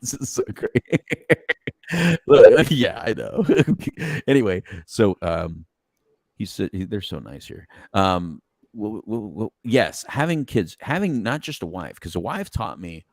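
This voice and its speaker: A middle-aged man hosting a podcast in casual chat, animated and rambling, laughing often as he talks. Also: lowish voice, slow, dry recording, clean studio sound. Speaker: podcast host.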